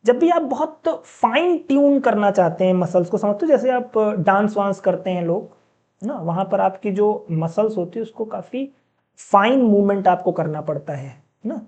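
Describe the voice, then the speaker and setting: Male teacher in a casual lecture, mellow, a bit lo-fi; chatty, asks the class questions. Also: high-pitched, expressive. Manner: mixes in read-out English sentences, slowly.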